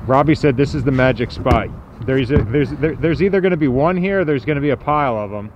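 A man vlogging from a small fishing boat on a river, chatting casually with quick upbeat exclamations. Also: medium pitch, lo-fi sound. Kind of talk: casual chat while fishing. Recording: outdoor boat and wind noise.

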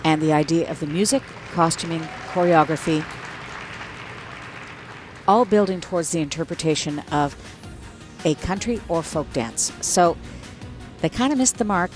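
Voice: mid-range voice, moderate pace, pauses often, faint music behind, a faint crowd. A figure skating commentator who calls out elements and gives a plain, analytical critique of the performance. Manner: analytical and matter-of-fact, naming elements and critiquing choices. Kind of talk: sports commentary.

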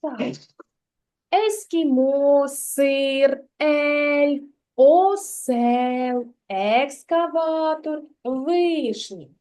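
A woman's voice: high-pitched, extremely slow, dark tone. A woman teaching a preschool reading lesson, patiently asking a child simple questions and encouraging her. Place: kindergarten classroom.

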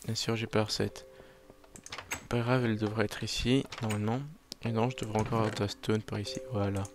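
A man's voice: lowish voice, little pitch movement, a little fast, background noise. A man giving casual, self-mocking commentary on his own game, muttering to himself as he plays. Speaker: let's play gamer.

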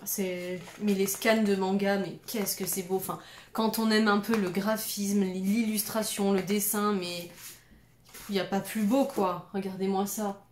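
A woman's voice: medium pitch, level tone, measured pace, echoey room, a little hiss or hum. A woman in her thirties gushing through an unboxing vlog, full of oohs and exclamations. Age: 30s. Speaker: YouTuber.

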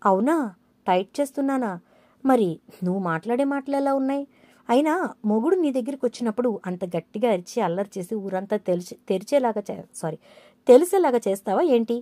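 A woman's voice: fairly high pitch, expressive, fairly quick, warm tone, no room sound. Woman voicing a playful young husband, teasing, coaxing, dry close sound. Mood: mock-scolding.

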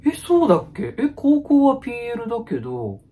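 Husky-voiced man, very animated pitch, quick rough casual comebacks for a comic skit. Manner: quick blunt retorts, rough casual speech. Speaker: comedy YouTuber. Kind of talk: comedic solo skit.

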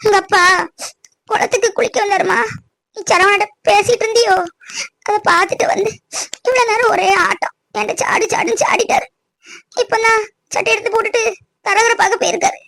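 A worried, tearful cartoon village mother, voiced by a woman in a very high, thin voice. She pleads anxiously, close to tears. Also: flat delivery, fast, fairly bright tone. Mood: tearful pleading. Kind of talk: cartoon voice acting.

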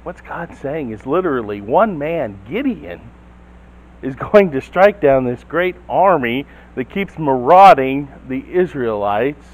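A man's voice: medium pitch, big pitch swings, unhurried, poor audio. A man preaching a sermon as the church's pastor, telling a Bible story and putting questions to the congregation. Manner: storytelling, acts out quotes, asks the listeners questions.

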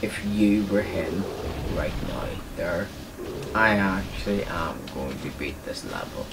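A drunk young man rambles through casual game commentary in a low voice at a very slow pace. He swears freely, and he is picked up from a distance with clear noise behind him. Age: young adult. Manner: heavy swearing. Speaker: gaming video host. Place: small indoor room at a desk.

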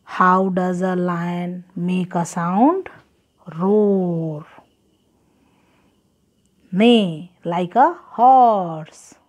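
A young woman teaching children a slow lesson and spelling words out letter by letter. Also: lowish voice.

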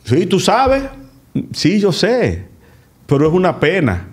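A Dominican-accented man hosting a relaxed podcast chat. He spins anecdotes with a joking, easygoing delivery. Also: high-pitched, slow pace, slightly rough. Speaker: podcast host. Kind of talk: casual podcast conversation.

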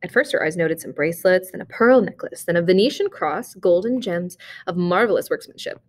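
A woman reading a short story aloud, narrating in a measured, expressive way. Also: lowish voice. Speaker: reader.

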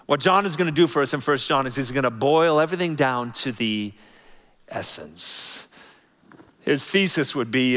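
A man preaching a sermon as pastor, talking in an animated, conversational way that drops to soft, quiet phrases. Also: fairly high pitch. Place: large church auditorium. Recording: long church hall reverb.

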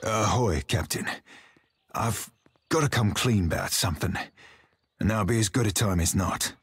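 A man's voice: on the low side, moderate pace, slightly rough, no echo. A man voicing a loyal pirate crewman confiding in his captain, earnest and salty. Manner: earnest, salty sailor talk. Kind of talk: video game voice acting.

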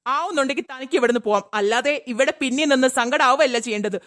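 A performer doing an irritable male boss, cartoon, fast and dismissive, fairly high voice. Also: a bit bright. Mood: curt. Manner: curt, dismissive.

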